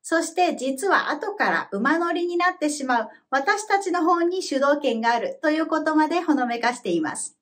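A woman narrating a scripted language lesson, explaining clearly and measuredly, then modeling phrases slowly for learners to repeat. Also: high-pitched, expressive. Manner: slow, careful model pronunciation for repeating. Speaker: Spanish language teacher.

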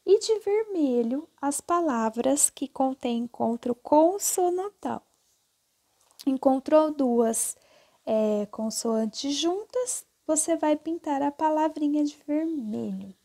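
A woman's voice: high-pitched, animated, dark tone. A woman teacher, patiently walking young pupils through textbook exercises step by step. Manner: slow, patient, repeats steps with "tá?". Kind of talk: classroom lesson explaining exercises.

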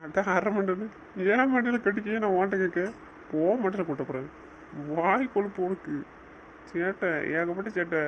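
A young man speaking softly to his wife in a coaxing, gently teasing way. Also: high-pitched, normal speed, a little hiss or hum. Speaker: husband in a couple's chat. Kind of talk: casual couple banter. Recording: muffled lo-fi recording.

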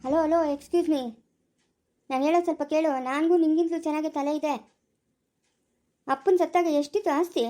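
A woman's voice: high-pitched, fairly even intonation, close to an everyday voice. A woman with a Chikkaballapura Kannada accent acting a quarrelsome village woman in a family drama. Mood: lecturing. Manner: scolding, quick-tempered, sharp-tongued.

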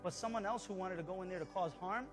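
Worship music plays as a man in his thirties stands on a church stage preaching to the congregation in an urgent, exhorting tone. His voice is high-pitched and quick, and he breaks off periodically for an interpreter.

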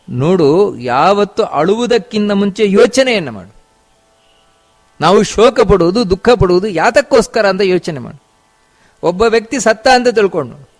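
A man with a raised, fairly high voice teaches from scripture in a spiritual discourse. He leans on repetition and rhetorical questions to drive each point home. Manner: repeats phrases and asks rhetorical questions; chants verses slowly in song. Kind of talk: religious discourse explaining scripture.

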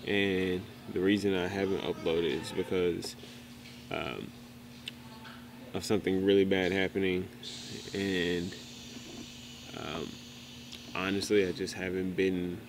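A young man vlogging on a road trip, talking softly and haltingly with many fillers into a handheld camera at arm's length. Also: low-pitched, level tone, background noise. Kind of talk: casual travel vlog.

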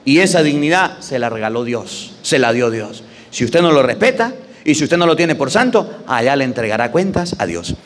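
A man's voice: medium pitch, very animated, moderate pace. A man preaching and leading prayers at Mass, with emphatic, repetitive phrasing. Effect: long church reverb. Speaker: priest. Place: large church. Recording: echoey church hall.

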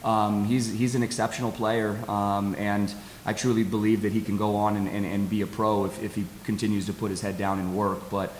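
A middle-aged American man, a college soccer coach, giving measured, halting answers in a post-game interview. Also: on the low side, little pitch movement. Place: press conference table with backdrop. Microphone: table stand microphone. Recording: echoey hall, audible hiss.

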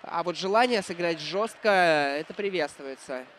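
A man commentating live on ice hockey, reflective and analytical, often pausing mid-sentence to find his words. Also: a little high, a bit bright, slight background noise.

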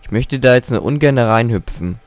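A man talking his way through a video game at home in casual commentary. He is excitable, grumbles and swears when things go wrong, and chats to his viewers in between, his pitch sitting mid-range. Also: normal speed, dry recording. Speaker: let's play gamer.

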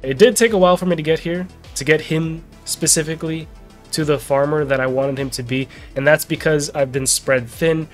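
A man in his thirties, a little nasal as he recovers from an illness, hosts a casual game guide walkthrough. His fairly high voice is steady and brisk, with background music behind him.

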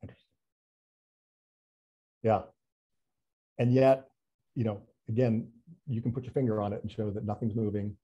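A man's voice: fairly low pitch, steady tone, normal speed, long pauses, breathy edge, lo-fi sound. A man giving a casual presentation over a video call, chatty and self-deprecating, with frequent restarts and fillers. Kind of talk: casual online talk presentation.

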